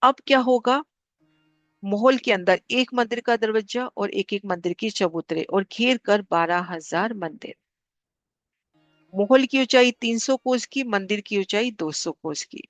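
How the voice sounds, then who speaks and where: A woman leads a devotional lesson in a steady, guiding voice and says the important figures twice. Her voice sits at an ordinary middle pitch. The sound is close and dry, with no room around it. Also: unhurried, no echo, soft background music. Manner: calm, guiding, repeats figures for clarity. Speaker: spiritual class teacher. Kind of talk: devotional lesson explaining maps.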